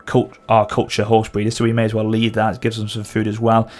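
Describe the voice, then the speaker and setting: Fast and completely flat, a gameplay channel host's lowish, slightly mellow voice runs through casual strategy-game commentary. He thinks aloud, corrects himself, and has a sore throat with an occasional cough.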